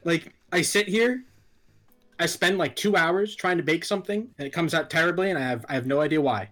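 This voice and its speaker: A man's voice: fairly high pitch, fairly quick, a bit bright, faint music behind. A man co-hosting a casual chat who swears freely and makes fun of himself. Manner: swears freely, self-mocking. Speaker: podcast co-host.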